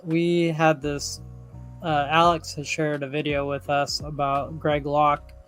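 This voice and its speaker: A man's voice: on the high side, level tone, slow pace, fairly bright tone, soft background music. A man co-hosting a podcast, giving casual, encouraging advice with many "um"s. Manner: easygoing, filler-heavy, encouraging. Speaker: co-host.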